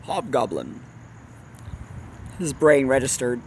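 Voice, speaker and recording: A man with a medium-pitched, very animated voice reads a fantasy novel aloud slowly and casually. He stumbles over words and corrects himself, breaking off with laughs into rambling personal tangents. There's a little hiss or hum in the audio.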